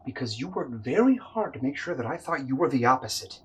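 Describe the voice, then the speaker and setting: A man's voice: medium pitch, expressive, fairly quick, slight background noise, lightly acted. An actor playing a burnt-out, cynical crisis hotline counselor, defiant and crude as he pushes back at a caller. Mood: confrontational. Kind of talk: film drama acting.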